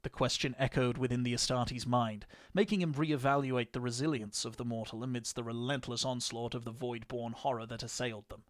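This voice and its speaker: Brief: male narrator, dry close sound, steady epic storytelling, mid-range voice. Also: medium pitch, no room sound. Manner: measured, grandiose storytelling. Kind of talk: fan fiction audiobook reading.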